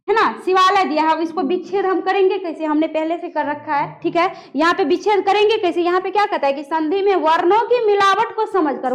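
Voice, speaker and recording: A woman teaching a grammar lesson, asking questions and answering them herself. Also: very high voice. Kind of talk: classroom lesson at a board.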